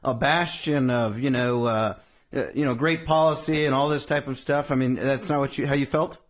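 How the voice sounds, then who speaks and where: A man's voice: medium pitch, steady tone, moderate pace. Male co-host asking loose questions. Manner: filler-heavy, loose questions. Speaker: podcast co-host. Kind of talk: casual interview questions.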